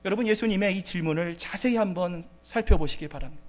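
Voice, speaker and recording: A man with a very high voice preaching a sermon in a church. He swings between hushed asides and loud, pleading outbursts, often calling out to his congregation. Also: fast. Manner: dramatic preaching, acts out pleading voices, frequent "여러분" and "자". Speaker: pastor.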